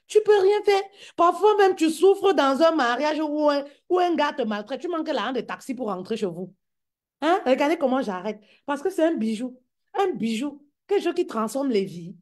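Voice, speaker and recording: A woman with a bright, high voice coaching female entrepreneurs. She preaches in an emphatic, repetitive way, hammering each point home and calling her listeners queens and mama. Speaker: business coach. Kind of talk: motivational talk to women.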